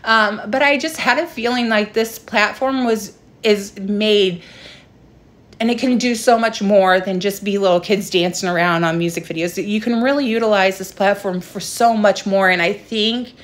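A woman's voice: mid-range voice, steady tone, normal speed. A young adult woman talking informally and explaining a craft step by step in a casual livestream tutorial. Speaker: livestream host, craft seller. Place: small room indoors at home. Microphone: phone propped at arm's length.

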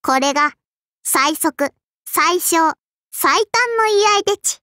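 In an anime mobile game, a little sword-wielding sparrow girl who runs an inn speaks in an extremely high, bright, childlike voice with a soft lisp, polite, prim, strict and dutiful, with a cutesy verbal tic. She sounds strained and determined, slow and expressive in an exaggerated delivery. The Japanese voice lines are recorded close and dry, without echo.

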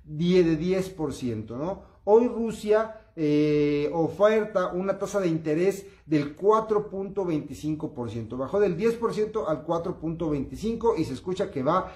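A man's voice: on the high side, lively intonation, unhurried, hardly any pauses, dark tone, roomy sound. A man giving upbeat, coaxing finance commentary, hesitating often with filler sounds. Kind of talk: informal money commentary to camera.

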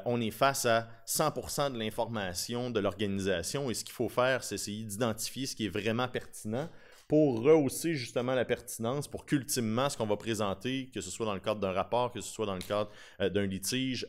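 Man, thirties, Québécois accent, slightly low voice, informal conference talk, chatty delivery. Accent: Québécois French. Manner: informal, talkative, with self-deprecating humour. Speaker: conference speaker, lawyer specializing in digital forensics. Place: conference room at a lectern. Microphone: podium gooseneck microphone.

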